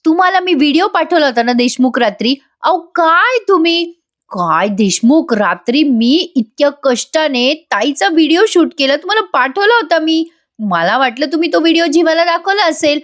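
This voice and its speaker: A woman voicing a playful, pushy young wife in a serial recap, scolding and excited. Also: high-pitched, fast, hardly any pauses, pitched above the performer's own voice.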